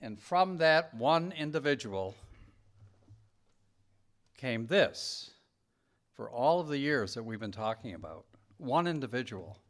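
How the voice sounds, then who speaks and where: A priest speaks slowly before the closing prayer at a dinner. His remarks are reflective and halting, broken up by frequent ums and uhs. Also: medium pitch, very animated. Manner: halting, reflective, many fillers. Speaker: Jesuit priest giving benediction.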